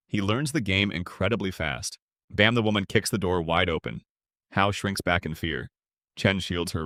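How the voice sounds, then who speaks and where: A man narrating a comic story recap in a brisk, dramatic way with sarcastic asides. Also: low voice, a bit bright, no room sound, studio quality.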